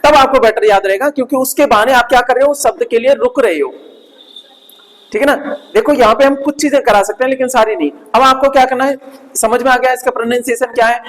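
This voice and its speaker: A male teacher giving a vocabulary lesson, repeating each word slowly for pronunciation and often adding quick check-in tags. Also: extremely high pitch, a bit bright. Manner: peppers speech with "isn't it" tags. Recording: long hall reverb.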